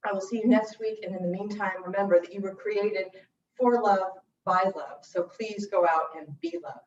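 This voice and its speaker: A woman's voice: medium pitch, normal speed, a little mellow, a little hiss or hum. Woman tasting food in a roomy hall. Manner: chatty, tasting and describing food aloud. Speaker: cooking class host. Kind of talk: livestreamed cooking lesson. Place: church room. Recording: roomy, dull livestream audio from a distance.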